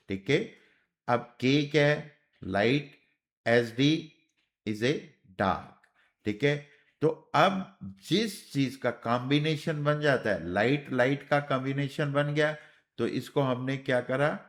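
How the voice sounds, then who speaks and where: A man's voice: mid-range voice, animated, slow pace. A man teaching a shorthand class, explaining step by step and sounding out each example word. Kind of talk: whiteboard lesson.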